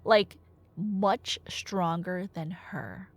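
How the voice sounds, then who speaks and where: Low-pitched and husky, she draws out her words while playing a talkative, nerdy girlfriend in an audio roleplay. Eagerly recounting Greek myths, she keeps the storytelling casual and aims playful side comments at a listener we never hear.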